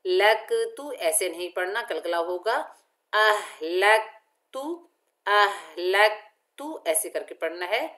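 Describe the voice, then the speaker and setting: A woman's voice: on the low side, slow, a bit bright. A woman teaching Quran recitation, spelling out each letter and repeating syllables patiently for the learner. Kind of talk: tajweed lesson, spelling out letters.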